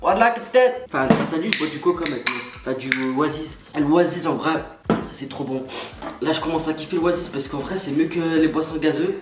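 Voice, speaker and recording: A young male YouTuber with a cold and a stuffy nose chats to his vlog viewers in a slangy, pumped-up way, addressing them directly. His voice is on the high side and a little fast, with noise in the background.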